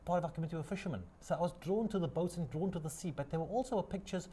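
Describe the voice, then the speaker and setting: A man from South Africa with a South African accent, a studio guest telling his life story in a measured, inspirational way. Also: a little high, dark tone, a little hiss or hum. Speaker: guest, sailor and keynote speaker. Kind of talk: interview storytelling.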